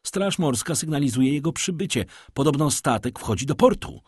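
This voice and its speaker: Eager young man, urgent and raised in pitch, voiced by a male narrator in a storybook reading. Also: normal speed, husky, no echo, studio quality. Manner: urgent, excited.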